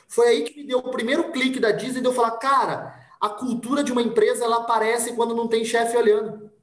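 A man's voice: extremely high pitch, quick pace. Brazilian guy telling stories on a podcast, acts out the voices, echoey room. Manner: animated, acts out voices in anecdotes. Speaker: podcast guest. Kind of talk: casual storytelling chat.

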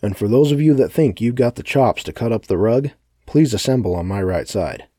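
A man voicing a ruthless groom who barks orders in a raised, forceful voice. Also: medium pitch, animated, fairly quick, breathy edge, no echo, studio quality, pitched above the performer's own voice. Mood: commanding. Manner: barking orders. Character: commanding, ruthless male groom villain.

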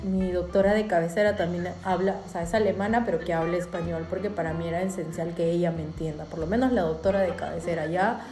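A woman's voice: fairly low pitch, steady tone, quick pace, mellow, faint music behind. A woman from Peru, hosting a casual interview and asking chatty follow-up questions. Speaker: host. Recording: roomy echoey recording.

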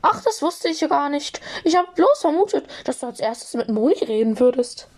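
A woman voicing a small, polite male wizard teacher with a squeaky voice in a fan audiobook reading. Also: very animated, fairly quick, darkish tone. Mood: amused.

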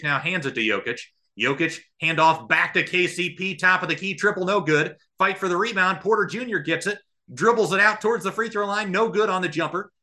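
His voice sits on the high side with a sharp tone. He is a radio play-by-play commentator on live basketball, running through the action in short present-tense phrases and layering in analysis.

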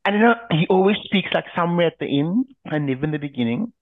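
Man, co-host, casual chat, rambling, fairly high voice, phone-like sound. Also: lively intonation, quick pace. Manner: rambling, many restarts and fillers. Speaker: podcast co-host. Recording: tinny phone-like line, dry.

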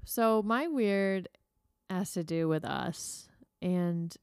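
A woman's voice: lowish voice, extremely slow, clear, resonant tone, no echo, clean studio sound. A woman co-hosting a casual podcast, joking and playfully complaining. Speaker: podcast co-host. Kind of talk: casual chat.

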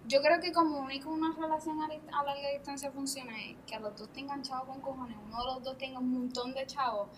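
A woman's voice: high voice, fairly even intonation, fast, few pauses, a little hiss or hum. A woman with a Puerto Rican accent hosting a casual group podcast, informal and teasing as she steers the conversation. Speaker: podcast host.

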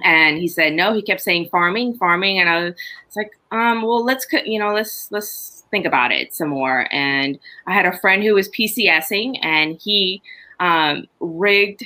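A middle-aged woman farmer from Honduras appears as a podcast guest, chatting casually and telling animated stories about her farm, laughing as she goes. Her voice is fairly low in pitch, and she speaks unhurriedly.

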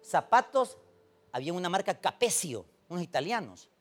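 A man preaching a sermon, telling stories and acting out the people in them, swinging from soft asides to loud points. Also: high voice, moderate pace, faint music behind. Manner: animated storytelling, acting out quoted voices, swings from soft to loud. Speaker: pastor.

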